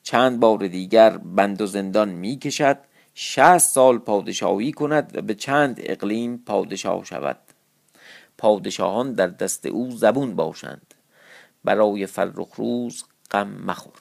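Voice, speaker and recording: A man voicing a wise, measured male court vizier in a classical storybook tale, with a gravelly voice. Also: fairly low pitch. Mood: solemn.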